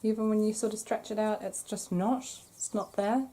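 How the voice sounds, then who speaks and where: Woman crochet podcaster, croaky throat, dark mellow tone, chatty and a bit self-deprecating. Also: mid-range voice, fairly even intonation, moderate pace. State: croaky, keeps clearing her throat. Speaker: podcast host. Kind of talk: casual crochet podcast chat to camera.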